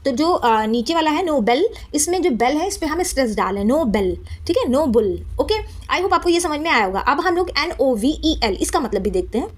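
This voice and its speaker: High-voiced woman teaching English. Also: expressive. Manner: patient, repeats words slowly, says "theek hai" often. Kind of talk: explaining pronunciation lesson.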